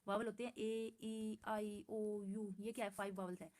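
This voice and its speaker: An English teacher, a woman, leads a slide-based grammar lesson with patience, restating every point and answering her own questions while reading English examples slowly and with care. Her mid-range voice has a flat delivery and a somewhat dark tone.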